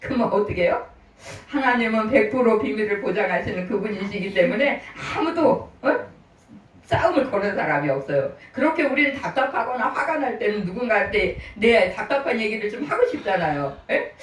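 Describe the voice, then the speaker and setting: A woman's voice: mid-range voice, brisk. Middle-aged woman, church preacher, chatty storytelling sermon, mic at a distance, roomy hall. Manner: chatty, lively storytelling with frequent laughter. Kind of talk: sermon told through personal stories.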